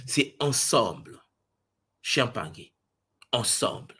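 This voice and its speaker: Brief: husky male spiritual teacher, lively swooping delivery, mimics others' voices in asides. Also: drawn-out words. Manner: swings from booming exclamations to low intimate asides. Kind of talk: impassioned spiritual address to followers.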